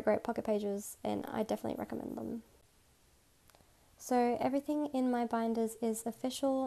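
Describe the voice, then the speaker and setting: This photocard collector and channel host has a high-leaning, dark-toned voice and a slight cold. She chats enthusiastically in a casual voice-over while showing her collection. The narration was recorded apart from the room on screen, and music plays beneath it.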